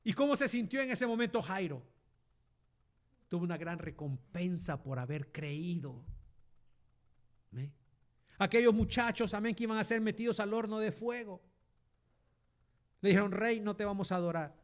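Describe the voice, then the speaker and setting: A man's voice: animated, moderate pace, pauses often. A male pastor preaching a sermon, dropping in asides of "amén" and "hermano" and putting rhetorical questions to the congregation. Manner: swings between loud emphasis and soft low phrases.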